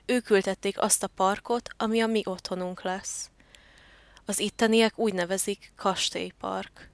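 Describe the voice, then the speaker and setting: Woman voicing a devoted male turtle dove, earnest, soft-spoken, flat even delivery, dry close sound, storybook. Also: mid-range voice, gravelly, no echo, lightly acted.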